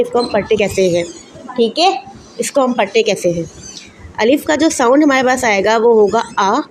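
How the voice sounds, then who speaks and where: A woman teacher with an Urdu-speaking Pakistani accent leads a recorded lesson for first graders, in a somewhat high voice. She sounds out each letter slowly and then says the whole word. A faint hiss of noise runs behind her. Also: darkish tone. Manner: spells words slowly letter by letter, then reads them whole.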